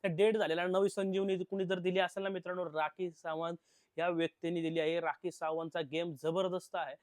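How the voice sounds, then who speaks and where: A man giving a casual, animated recap of a reality show episode, talking straight to his viewers and acting out the contestants' lines. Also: high-pitched, brisk, no echo, clean studio sound. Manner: animated, addresses viewers as friends, acts out quotes.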